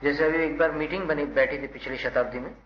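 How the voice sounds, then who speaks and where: A Jain monk teaching, leading call-and-response verse chanting and patiently correcting the students' pronunciation. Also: male voice, fairly high pitch, quick pace. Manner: patient, instructive, stresses syllables. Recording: roomy, dull, loud background noise.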